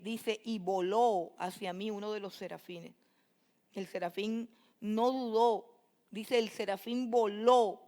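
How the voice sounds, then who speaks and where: A woman preacher, speaking directly to her congregation in a church. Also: mid-range voice. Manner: animated, addresses congregation directly. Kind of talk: sermon. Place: church sanctuary.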